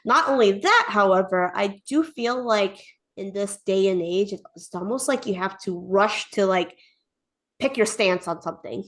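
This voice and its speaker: A woman's voice: mid-range voice, lively intonation, moderate pace. A woman speaking casually and thoughtfully, with many "like"s and "um"s, raising a question in a group discussion. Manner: chatty, filler-heavy with frequent "like".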